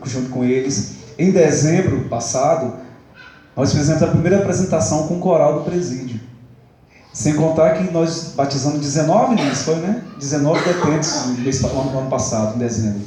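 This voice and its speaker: A man's voice: medium pitch, dark tone, a little hiss or hum. A young man with a Brazilian accent giving a testimony in a church service, telling his story in a chatty way and acting out the dialogue. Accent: Brazilian Portuguese. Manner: chatty storytelling, acts out the dialogue, laughs often. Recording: echoey church hall.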